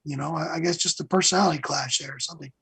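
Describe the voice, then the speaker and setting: A man's voice: fairly high pitch, rapid-fire, gravelly, fairly bright tone, breathy edge, no echo, poor audio. A man guest on an interview show, chatting casually and rambling through stories with lots of fillers. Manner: rambling storyteller, many fillers. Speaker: guest singer.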